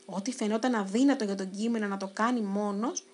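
A woman narrating a children's storybook in an expressive, dramatic way. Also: medium pitch.

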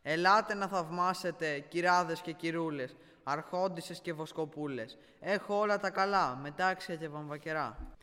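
A man's voice: a little high, pushed and bright, clear, resonant tone, long reverb tail. A man voicing a poor, honest traveling cloth merchant in a folk tale. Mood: hawking. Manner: hawking, then lamenting.

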